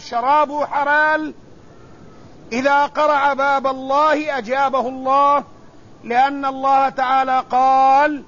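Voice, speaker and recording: A male preacher delivering a religious sermon in a slow, measured way, with solemn repetition. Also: extremely high pitch, a bit bright. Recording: dull lo-fi recording with faint noise.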